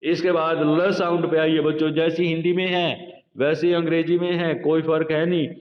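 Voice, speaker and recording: A man teaching a phonetics lesson to a class, speaking slowly and repeating sample words for his students. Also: fairly high pitch, little pitch movement. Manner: slow, repetitive, addresses students as children. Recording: echoey lo-fi room recording.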